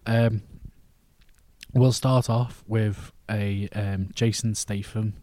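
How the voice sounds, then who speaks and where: A man's voice: lowish voice, fairly even intonation, slow, dark tone, no echo. A middle-aged British man co-hosting a podcast, chatting casually about films in a blunt, sweary way. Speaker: podcast co-host. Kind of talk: casual film review chat.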